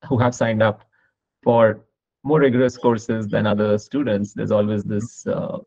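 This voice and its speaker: A man hosting a podcast, asking long, winding questions in a measured conversational way, on slightly muffled audio. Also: lowish voice, flat delivery, darkish tone. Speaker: podcast host. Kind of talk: conversational interviewing.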